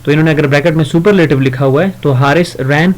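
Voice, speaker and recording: A man teaches grammar. He reads each example slowly and carefully, then explains it in a relaxed, conversational way, pausing on fillers and correcting himself as he goes. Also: fairly high pitch. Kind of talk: grammar lesson.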